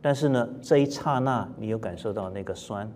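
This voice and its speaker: A man teaching Buddhist scripture in a calm, plain-spoken lecture, asking his listeners rhetorical questions and now and then clearing his throat. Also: fairly low pitch, fairly quick, slight background noise. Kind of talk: dharma lecture.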